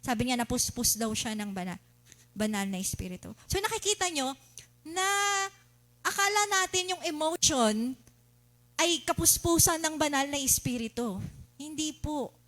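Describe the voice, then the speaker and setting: Preaching at a moderate pace, a Filipino-accented woman uses a very high, bright voice and animated energy. She repeatedly asks the congregation questions and imitates worshippers shouting.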